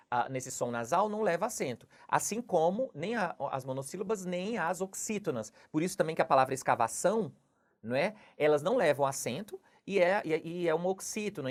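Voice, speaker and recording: Low-voiced woman teacher explaining exam answers. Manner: explanatory, repeats "não é?" and "tudo bem?" often. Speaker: Portuguese language teacher. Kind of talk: exam question walkthrough lesson.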